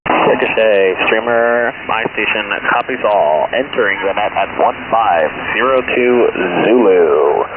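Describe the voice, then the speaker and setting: A man's voice: on the low side, lively intonation, measured pace. A man working as a military radio operator, giving clipped, repetitive radio procedure calls over an HF radio link full of static bursts. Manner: clipped, repetitive call-and-check phrasing. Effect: HF radio transmission with static bursts. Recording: tinny HF radio with loud static.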